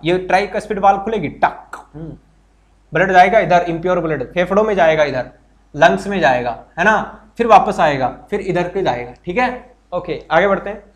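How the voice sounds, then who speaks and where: High-pitched, chatty Hindi-speaking teacher. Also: male voice. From Haryana, India. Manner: chatty and encouraging, repeats points and asks the class questions; greets viewers and reads their comments aloud. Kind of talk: live online exam-prep lesson.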